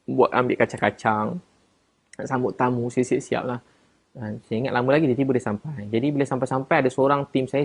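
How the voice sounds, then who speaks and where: A man with a Malaysian Malay accent, chatting casually on a live stream as he answers viewers and defends himself, getting louder and higher at times. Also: breathy edge.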